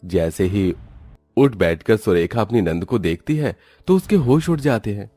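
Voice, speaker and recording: Male storyteller, very deep, dry studio read, steady narration for a cartoon. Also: moderate pace, dry recording, faint music behind.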